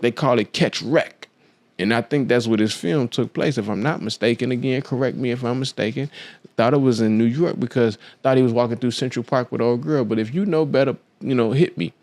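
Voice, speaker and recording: A male podcast host, talking in a loose, slangy monologue and acting out lines from a film. His pitch swoops up and down as he tells the story. The sound is dry and close to the mic. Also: a little mellow, no room sound. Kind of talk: casual monologue, film analysis.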